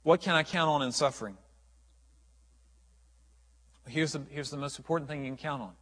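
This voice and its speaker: A man's voice: a little high, very fast, a bit bright, long reverb tail. A man preaching a sermon as a pastor, earnest and emphatic, often restarting his phrases.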